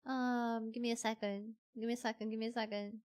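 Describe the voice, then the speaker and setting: A woman's voice: fairly high pitch, little pitch movement, a little fast, a little mellow, clear, resonant tone. A woman with a Filipino accent chatting casually on a livestream, often repeating phrases for emphasis. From Philippines. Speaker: VTuber streamer.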